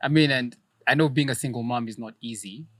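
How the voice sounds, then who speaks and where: A man's voice: medium pitch, brisk, fairly bright tone, no room sound. A man hosting a casual interview podcast, mostly backing up his guest with short affirmations. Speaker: podcast host.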